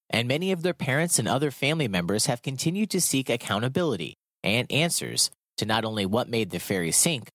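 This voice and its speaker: A man reporting a radio news feature, reading a script in a measured, formal way. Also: mid-range voice, no room sound, studio quality.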